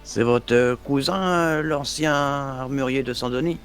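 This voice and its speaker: A man's voice: medium pitch, measured pace, fairly bright tone, soft background music. Probing man with a northern French accent. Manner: probing, questioning, joking. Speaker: lawman roleplay player. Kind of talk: in-character western roleplay.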